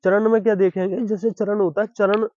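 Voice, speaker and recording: Guy teaching poetry basics, highish voice, keeps asking "got it?", flat dull dry audio. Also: no room sound. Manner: explains slowly, keeps asking if it is understood. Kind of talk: classroom-style Hindi poetry lesson.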